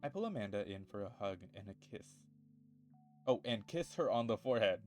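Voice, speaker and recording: A man's voice: lowish voice, lively intonation, brisk, soft background music. A young man streaming a game, reading its lines aloud in a playful, jokey, rambling way. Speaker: gaming streamer.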